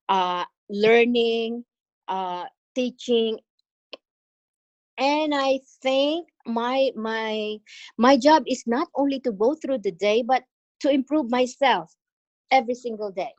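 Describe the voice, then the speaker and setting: An exchange teacher from the Philippines, speaking with a Filipino accent, gives an earnest, encouraging motivational talk about her experience in an online meeting, often pausing and using fillers. Her voice is a little high. The video-call recording is muffled but has no echo.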